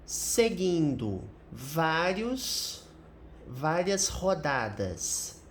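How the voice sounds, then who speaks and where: A middle-aged Brazilian woman teaching English through a commented reading, with a low voice and a slow, unhurried pace. She explains each point patiently and keeps checking in with a quick tag question. Faint noise sits under her voice. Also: very animated. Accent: Brazilian Portuguese.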